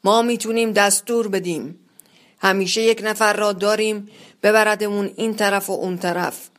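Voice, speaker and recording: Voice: mid-range voice, steady tone, fairly bright tone, close to an everyday voice. A reader voicing a pompous rallying group leader. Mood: confident. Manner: declaiming, speechmaking.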